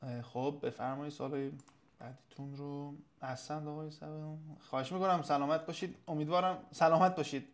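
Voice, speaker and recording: A man with a fairly high-pitched voice hosts a live webinar Q&A. He reads out audience questions and answers them off the cuff in a casual tone, with plenty of hesitations. He sounds like a consultant explaining things to his viewers. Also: steady tone. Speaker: webinar host and SEO consultant.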